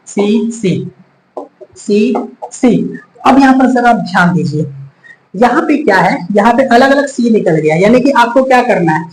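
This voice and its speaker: Hindi chemistry teacher counting carbons aloud. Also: male voice, extremely high pitch, slight background noise. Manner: repeats steps and counts aloud patiently; addresses students as children. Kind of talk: whiteboard lesson. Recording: echoey room, faint ambience.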